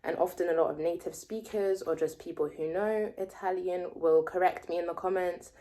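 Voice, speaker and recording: A French woman in her twenties vlogs about learning a language, slowly reading a text aloud and explaining it. She thinks out loud and guesses at unfamiliar words in a steady, warm voice that sits on the low side.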